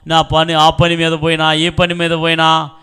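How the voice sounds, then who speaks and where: A man's voice: a little high, monotone, moderate pace, sharp tone, clear, resonant tone. A male pastor preaching a sermon, telling a story with acted-out voices and calling the congregation to say amen. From South India. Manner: storytelling preacher acting out voices, calls for amens.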